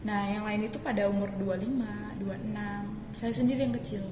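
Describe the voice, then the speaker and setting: A woman's voice: mid-range voice, steady tone, moderate pace. A young woman being interviewed, telling her story casually and rambling a little with restarts. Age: young adult. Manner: rambling, with many restarts and fillers. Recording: echoey hall with background noise.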